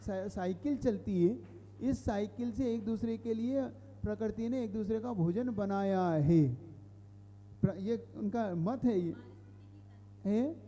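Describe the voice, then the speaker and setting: A man's voice: sits high, dark tone. A man, a Jain monk, giving a sermon to an audience. He explains step by step, repeats phrases and asks his listeners questions. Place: hall with a live audience. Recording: hall reverb.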